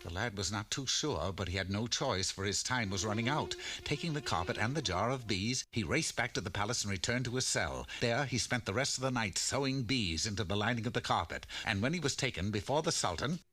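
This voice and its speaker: A man's voice: lowish voice, lively intonation, fairly quick, few pauses, pushed and bright. A man narrating a mock fairy tale for a cartoon in a scripted storybook style. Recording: very noisy, buzzy old soundtrack.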